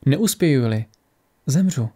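A man's voice: mid-range voice, lively intonation, warm tone, lightly acted. A man voicing a young princess who speaks earnestly and resolutely. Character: young princess, determined but fearful.

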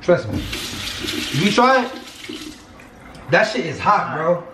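A man's voice: high-pitched, very animated, slow. A man in his thirties in casual vlog chat, swearing and repeating himself, his mouth burning from spicy food. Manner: slangy, swearing, emphatic repetition. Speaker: vlog host. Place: home kitchen. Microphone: camera mic, few feet away. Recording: roomy, distant mic, faint noise.

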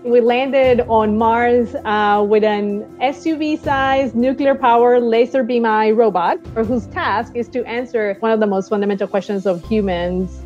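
Colombian-accented woman in her 30s, higher voice, eager explainer, earbud mic call with dull audio. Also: darkish tone. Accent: Colombian Spanish. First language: Spanish. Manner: eager, explanatory, tags lines with "right?". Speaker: space mission flight director. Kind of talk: recorded video interview. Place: small indoor room, seated in an armchair. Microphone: wired earbud mic on a video call.

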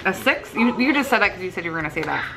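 A woman's voice: lowish voice, very animated, very fast, vocal fry, noisy background. A woman in her thirties chatting casually as a vlog host, recorded on a camera at arm's length indoors. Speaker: vlog host doing a taste test. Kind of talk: casual chat. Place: living room couch, indoors.

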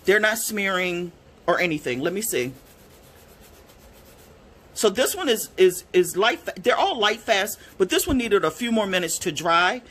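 A woman reviewing art supplies in a casual swatch video, gushing and excitable, gasping and squealing over the colors. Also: medium pitch, a little slow. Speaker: product reviewer.

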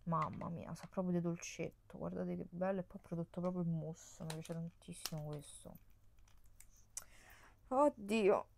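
A young woman, talking casually at home on a bed. Her low, gravelly voice keeps up a lively, exclamatory chatter as she sorts through her makeup, reaching a camera mic with her face out of frame. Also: a little slow, a little hiss or hum. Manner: chatty, exclamatory, laughs often. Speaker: beauty vlogger. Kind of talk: casual chat while decluttering makeup. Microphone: camera mic, face off-screen.

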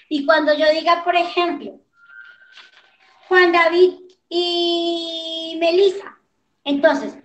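A woman teaching an English class, patient and affectionate, repeating prompts slowly for her students. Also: high voice, a bit bright. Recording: echoey, muffled.

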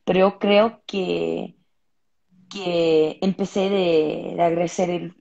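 Young woman footballer, from Los Angeles, low voice, video-call interview guest, thoughtful and halting. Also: creaky, darkish tone. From Los Angeles, United States. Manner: thoughtful, many fillers and restarts. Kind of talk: casual interview answers. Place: home room, indoors. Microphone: earbuds on a video call. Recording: muffled video call audio.

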